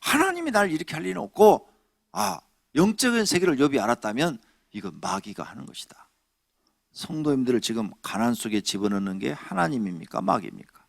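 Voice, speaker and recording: Male pastor, sermon. Gravelly voice, very lively pitch, emphatic, questions the congregation. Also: fairly quick, no room sound, clean studio sound. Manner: emphatic, swings between loud exhorting and hushed asides. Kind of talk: Friday night sermon. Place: church sanctuary.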